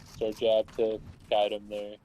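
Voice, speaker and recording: A man's voice: fairly low pitch, monotone, unhurried, mellow, low-quality recording. A man talking in casual chat, blunt and dry, swearing freely. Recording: faint background noise.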